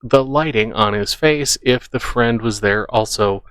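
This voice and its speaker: A man gives slow, unhurried reaction commentary, sounding skeptical and scoffing, and he often repeats himself. His voice is recorded close and dry, with no room sound. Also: mid-range voice, a bit bright, clean tone, no echo. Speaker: reaction channel host.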